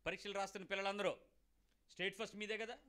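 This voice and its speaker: A man's voice: high voice, steady tone, fast, bright, forceful tone. A middle-aged man, preaching a sermon and firing emphatic rhetorical questions at his listeners. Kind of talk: Telugu sermon.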